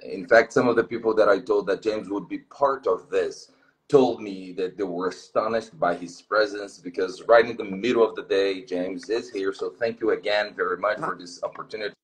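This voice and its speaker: A Brazilian man with a Brazilian Portuguese accent, talking as a guest on a live stream. His voice is on the low side, and he lays out his points in a measured, articulate way. He comes through a video call. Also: fairly even intonation, poor audio. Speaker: guest, former student.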